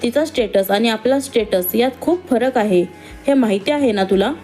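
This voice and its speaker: A woman's voice: a little high, moderate pace, mellow, soft background music, lightly acted. A woman voicing a proud, status-minded wealthy mother in a read-aloud story, speaking with scorn. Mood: scornful. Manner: scornful, disdainful. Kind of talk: storybook reading.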